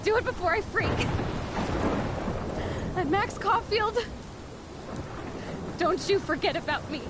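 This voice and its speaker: A woman's voice: extremely high pitch, animated, takes it slowly, very noisy, exaggerated voice. An actress playing a rebellious, tender young American woman saying an emotional, tearful goodbye in a dramatic video game scene. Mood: tearful farewell. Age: young adult. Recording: loud rain, thunder and storm behind.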